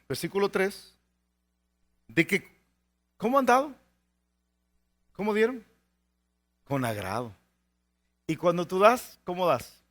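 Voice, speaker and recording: A male pastor preaching with a lively, high-set voice that swings widely in pitch. He keeps turning to the congregation with rhetorical questions and acts out the people in his stories. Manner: animated preaching, acts out quoted voices in anecdotes; frequent rhetorical "¿verdad?" asides to the congregation. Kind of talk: sermon.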